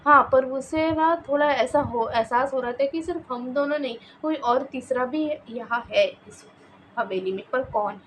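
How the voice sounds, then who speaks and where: Woman storyteller, higher pitch, casual halting horror tale, slight background hiss. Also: a bit bright. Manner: halting, with fillers and restarts, retelling dialogue in her own voice.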